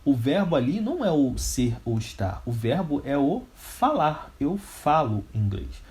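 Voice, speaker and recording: Speaking unhurriedly in a sing-song, fairly high voice with a darkish tone, a Brazilian Portuguese-accented man walks through English grammar one step at a time. He asks his own questions and then answers them, in a teacherly manner.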